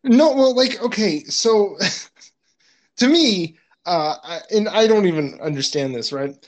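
Laid-back rambling man, slightly high voice. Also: animated, slow. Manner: laid-back, rambling, laughs often, swears. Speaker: podcast guest, film director. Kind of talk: casual podcast chat.

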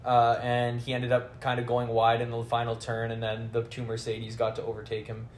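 A man's voice: medium pitch, monotone, normal speed. A man hosting a casual chat about motor racing, peppering his talk with "like" and "kind of". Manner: filler-heavy, hedging with "like" and "kind of". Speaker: podcast host. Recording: echoey room with faint background noise.

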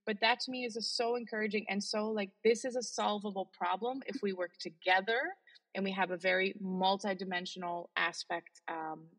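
A Belgian woman in her forties, a native Flemish speaker with an American accent, appears as an interview guest representing sustainability leadership in the chocolate industry. She speaks earnestly and emphatically with plenty of fillers, in a steady, brisk, mid-range voice that's a bit bright with a breathy edge.

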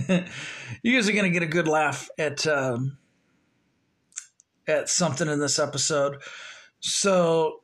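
Easygoing guy rambling on his podcast, kinda high voice, takes his time. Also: a bit bright. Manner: chatty, rambling, lots of fillers. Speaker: podcast host. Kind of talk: casual solo podcast talk.

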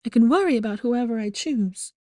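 Stubborn young witch, quiet and worried, pitched up as a woman narrator puts her on. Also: expressive, brisk, no echo, clean studio sound, lightly acted. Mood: stubborn worry. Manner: quiet, soft-spoken.

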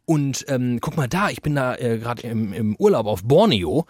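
A man's voice: mid-range voice, expressive, normal speed, darkish tone, dry recording, studio quality. A man co-hosting a podcast in a casual chat, loose and jokey with slangy remarks. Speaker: podcast co-host.

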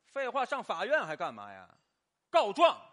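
Animated high-voiced male comedian. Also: brisk. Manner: animated, mock-wailing, exaggerated storytelling. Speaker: crosstalk comedian. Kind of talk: crosstalk comedy performance.

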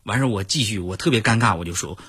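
A man's voice: on the low side, rapid-fire, fairly bright tone, breathy edge, no echo, clean studio sound. A man doing stand-up comedy, telling stories in a chatty, self-mocking way and talking straight to the audience.

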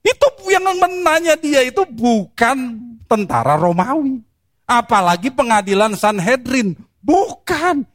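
A man preaching a sermon, reading scripture and pressing his points with rhetorical questions and sharp emphasis. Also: high voice, no room sound, studio quality.

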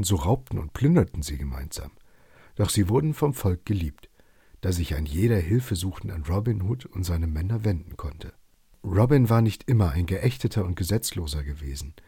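Low, husky male bedtime storyteller. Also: moderate pace, no echo, clean studio sound. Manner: calm, even storytelling.

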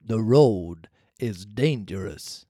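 A podcast reader voicing the faint, grave ghost of an old talking cricket in a storybook reading, slow and measured. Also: mid-range voice, lively intonation, warm tone, dry recording, clean studio sound, pitched below the performer's own voice.

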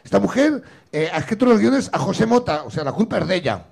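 A middle-aged man from Spain hosting a comedy show, telling a story with a gravelly, husky voice and acting out both sides. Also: sits high, big pitch swings, fast, a little mellow. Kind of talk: stand-up style storytelling.

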